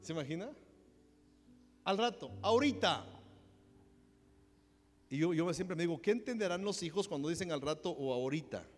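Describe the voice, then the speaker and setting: A Mexican pastor delivers a sermon in a high, animated voice, acting out the lines he quotes. His words ring with a long reverb through the church hall. Soft instrumental music plays faintly underneath. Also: moderate pace, long pauses. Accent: Mexican Spanish.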